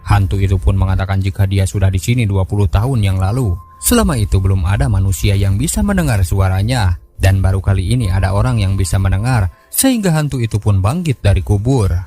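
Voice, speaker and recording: Low-voiced man narrating over music. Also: animated, a little fast. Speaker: film recap narrator. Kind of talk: scripted storytelling narration. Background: background music.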